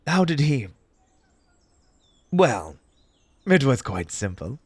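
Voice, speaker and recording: A man voicing a grieving, eccentric March Hare, a mannered gentleman speaking formally and theatrically in an ASMR roleplay, halting with emotion. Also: mid-range voice, big pitch swings, breathy edge, no room sound, heavily acted. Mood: bitter, whimsical. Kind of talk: ASMR roleplay character monologue.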